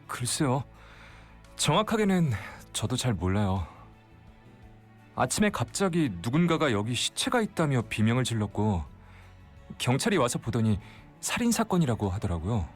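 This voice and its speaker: A polite, quick-talking young shopkeeper. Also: male voice, medium pitch, faint music behind. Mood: concerned. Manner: courteous, lively, quick speech. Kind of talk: game voice acting.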